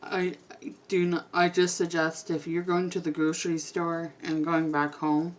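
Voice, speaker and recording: Low-voiced woman chatting through her makeup. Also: flat delivery, measured pace. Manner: chatty, rambling, quiet at times. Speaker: beauty vlogger. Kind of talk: casual chat while doing makeup.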